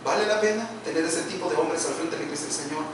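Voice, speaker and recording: A man's voice: a little high, fast talker. A middle-aged male pastor preaching a sermon in a church, asking rhetorical questions and swelling in volume. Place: church sanctuary. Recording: echoey church hall, distant mic, noisy.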